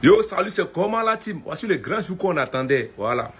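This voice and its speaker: Husky brash football fan. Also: male voice, sits high, sing-song, a little fast. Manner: brash, taunting, rallying. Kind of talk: casual fan rant to camera.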